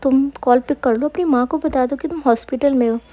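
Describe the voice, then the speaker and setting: A woman's voice: high-pitched, fairly quick, dark tone. A woman voicing a tough young gangster woman who scolds and keeps pressing with questions in an audio love story. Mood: stern, concerned.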